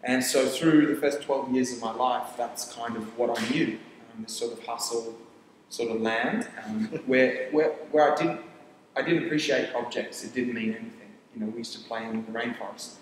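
This is a young male startup founder from Papua New Guinea, Tok Pisin being his first language, talking casually in an interview. He rambles, lists ideas at speed and keeps restarting phrases, his voice sitting in the mid-range. The studio set has armchairs, and the room is echoey with a long reverb and a little background noise.

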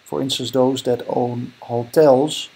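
This investing vlogger is a young man from the Netherlands with a Dutch accent, narrating a screen recording in a relaxed way while he thinks aloud and corrects himself. He speaks slowly in a mid-range, fairly even voice that is a little mellow and slightly rough, and the recording itself is rough.

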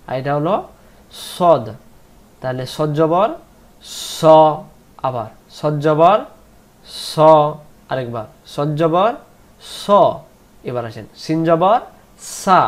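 A man teaching Quran pronunciation in a slow lesson, spelling out letters one by one and drawing out the recited words. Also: a little high. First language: Bengali.

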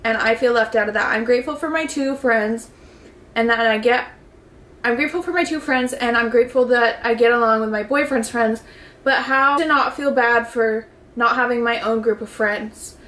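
A fairly bright, high-leaning female voice at a normal pace belongs to a bubbly vlogger in her twenties, seated before a camera in her echoey bedroom. She reads viewer submissions aloud and offers advice, casually cursing and saying "like" constantly.

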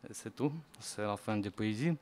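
A man from Moldova with a Russian accent, whose first language is Russian, reading poems aloud at a poetry evening in a library café in a halting, self-deprecating way. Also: on the low side, darkish tone. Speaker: guest reader.

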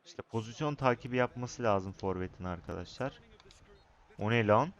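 A young man commentating his own football video game match, excitable, shouting at his players and chatting to viewers. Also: fairly low pitch, normal speed. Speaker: gaming YouTuber.

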